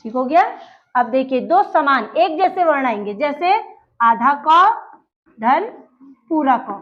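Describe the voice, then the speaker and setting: A woman with a high voice teaches a grammar lesson, patiently explaining each point and asking questions that she answers herself. The recording sounds dull and lo-fi. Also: expressive, slow. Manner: explains step by step, asks questions and answers them.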